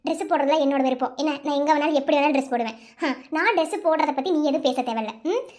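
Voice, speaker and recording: A woman voicing a defiant, stylish young woman in a deeper, drawling voice. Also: very fast, a little mellow, lightly acted.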